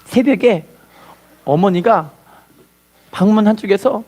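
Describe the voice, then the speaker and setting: A man preaching a sermon as a pastor, telling a story with lively call-and-response. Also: high voice, slow pace.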